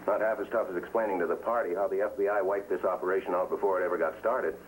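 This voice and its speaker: In a 1950s TV drama, an actor with a deep, natural voice plays a guarded, earnest man undercover in a communist cell, speaking rapidly in a steady, clipped, serious, matter-of-fact way. His mood is firm and the terse voice-over comes from an old, noisy soundtrack with poor audio.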